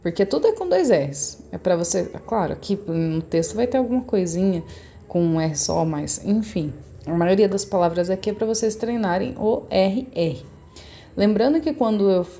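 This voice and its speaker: A woman's voice: medium pitch, creaky, warm tone, a little hiss or hum. A woman teacher from Brazil, patiently explaining a remote lesson step by step to young pupils. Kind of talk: recorded remote class lesson.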